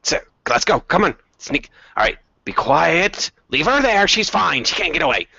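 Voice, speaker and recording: A man voicing a bossy, excitable male goblin leader who barks hurried orders at his gang in a tabletop game. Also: fairly high pitch, gravelly, slightly rough, dry recording, pitched above the performer's own voice, full character voice. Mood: excited. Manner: shouty, hurried barking of orders. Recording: dull dry lo-fi recording.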